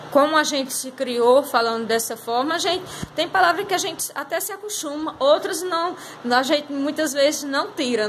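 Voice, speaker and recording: This rough recording of a class lesson has slight background noise. A woman teacher with a high, somewhat bright voice corrects an exercise, patiently walking through it step by step and stretching out her words.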